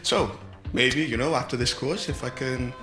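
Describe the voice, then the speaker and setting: An actor playing an eager, dreamy young student from the Netherlands, rambling in a wide-eyed way. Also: male voice, mid-range voice, moderate pace, sharp tone, echoey room, soft background music, lightly acted. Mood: enthused. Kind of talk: mockumentary comedy interview.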